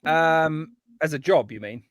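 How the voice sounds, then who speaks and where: A man's voice: fairly high pitch, unhurried. A man from England, a guest composer, chatting casually and rambling with lots of ums. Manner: relaxed, rambling, full of ums. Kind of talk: casual chat.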